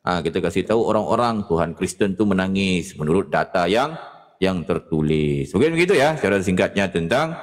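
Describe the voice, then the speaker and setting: A man on a discussion panel, talking in a mocking, animated way and laughing at his own jokes. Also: sits low, fairly quick. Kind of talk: mocking live religious debate talk. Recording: hall reverb.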